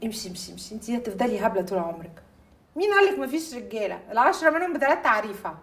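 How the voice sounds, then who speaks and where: An actress playing a young, jealous and volatile newlywed bride, speaking with an Egyptian accent. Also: female voice, fairly high pitch, very animated, a little hiss or hum. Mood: chatty. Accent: Egyptian Arabic. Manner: jealous, quick to erupt. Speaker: new bride. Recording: film score under dialogue.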